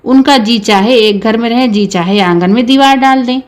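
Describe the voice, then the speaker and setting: A woman's voice: on the high side, moderate pace, natural voice. A woman voicing a weary older village aunt who speaks in a resigned, curt way in a read-aloud story.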